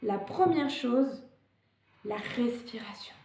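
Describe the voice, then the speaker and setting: A woman's voice: a little high, lively intonation, takes it slowly, dark tone, reverberant, a little hiss or hum. A woman vlogger giving casual advice on climbing fears, often hesitant, with fillers and restarts.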